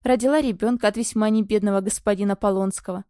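Calm, mellow woman narrating an audiobook. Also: medium pitch, clean tone, no echo, studio quality. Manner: calm, measured, detached delivery. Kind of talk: scripted first-person audiobook narration.

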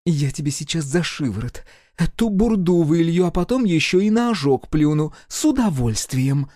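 A man voicing a fierce, sharp-tongued older woman healer who scolds and threatens, in a dry audiobook recording. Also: mid-range voice, lively intonation, normal speed, no room sound, lightly acted. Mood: scolding. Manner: shouting threats, tongue-lashing.

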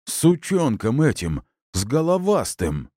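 A man voicing a drunk, foul-mouthed, hot-tempered middle-aged man who shouts and drags out his words. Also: medium pitch, huge pitch swings, no room sound, clean studio sound, voice pushed up. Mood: furious, drunk. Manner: shouting, coarse, drawn-out words.

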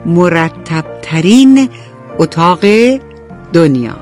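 A woman radio storyteller narrating a bedtime story, warmly speaking directly to the children listening. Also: low-pitched, big pitch swings, faint music behind. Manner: warm, addresses children directly.

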